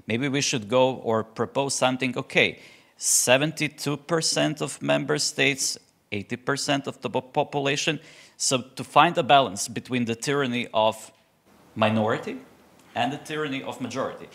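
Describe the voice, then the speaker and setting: A man's voice: mid-range voice, a bit bright. Male panelist from Croatia, earnest policy talk with frequent self-corrections. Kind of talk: panel discussion.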